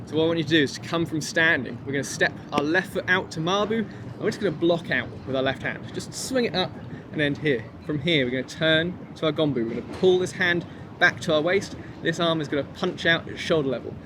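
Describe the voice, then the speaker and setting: A man with a fairly high voice leads a martial arts class as the instructor. He gives short, step-by-step commands and counts in an informal, encouraging manner. The recording has clear outdoor traffic noise behind him. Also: a little fast. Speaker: kung fu instructor.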